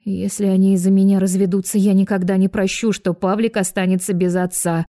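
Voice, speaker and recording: A woman's voice: medium pitch, level tone, a little fast, mellow, natural voice. A woman voicing a flustered, kindly grandmother who talks in a fussy, apologetic way. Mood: distressed.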